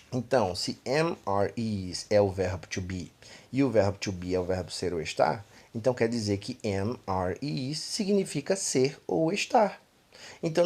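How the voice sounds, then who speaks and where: Husky-voiced Brazilian Northeastern teacher. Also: male voice, mid-range voice, a little mellow. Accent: Northeastern Brazilian Portuguese. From Pernambuco, Brazil. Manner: explanatory, repeats "né" and "tá" constantly. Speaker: English teacher. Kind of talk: online language lesson.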